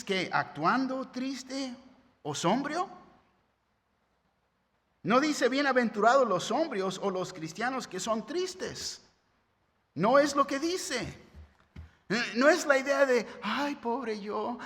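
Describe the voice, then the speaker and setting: A man's voice: extremely high pitch, a bit bright. A man, preaching a sermon as pastor in a conversational way, often asking "right?". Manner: conversational preaching with tag questions. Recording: long hall reverb.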